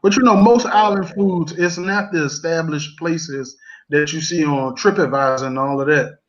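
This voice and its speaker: A man on a casual chat show, making slow, measured remarks. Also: a little high. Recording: dull lo-fi audio.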